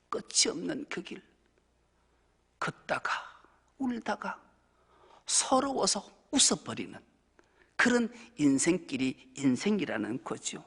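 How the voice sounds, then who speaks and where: A male pastor preaching a sermon, swinging between loud exclamations and hushed whispers. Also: high voice, husky. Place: church sanctuary. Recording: church hall with long reverb.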